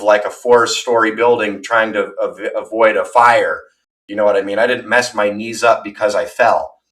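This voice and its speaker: A man in his thirties chatting casually on a livestream, rambling and candid, poking fun at himself. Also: lowish voice. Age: 30s. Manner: rambling, candid and self-deprecating. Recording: voice from far off the mic.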